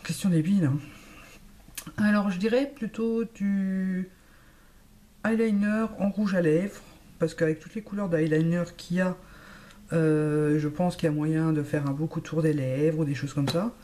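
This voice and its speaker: Warm-voiced chatty woman vlogger. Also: deep voice, steady tone, normal speed. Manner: chatty and hesitant, many fillers. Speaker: beauty vlogger. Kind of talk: casual chat to camera.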